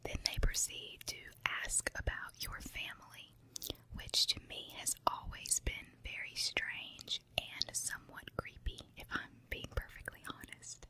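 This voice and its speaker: A woman whispering very close to the mic, ear to ear, in an unhurried, confiding ASMR ramble. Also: sharp tone. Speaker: ASMR video creator. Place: room at home with carpet and window. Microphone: handheld recorder with foam windscreen on tripod, very close.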